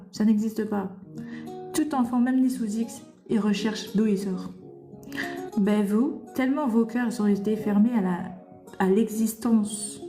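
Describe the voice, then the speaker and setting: On a livestream recorded on a phone, a tearful woman preaches fervently in a dark, medium-pitched voice with a roomy sound. As host, she scolds her listeners and fires rhetorical questions at them.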